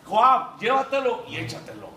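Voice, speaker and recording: A man's voice: sits high, big pitch swings, moderate pace, bright, forceful tone, a little hiss or hum, full character voice. A preacher playing stern King David. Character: commanding warrior-king David, man. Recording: echoey hall, mic at a distance.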